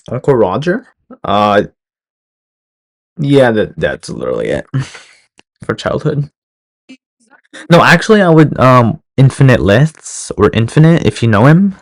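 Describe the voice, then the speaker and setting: A young man giving casual reaction commentary over a video, rambling with lots of fillers and restarts. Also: medium pitch. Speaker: reaction streamer.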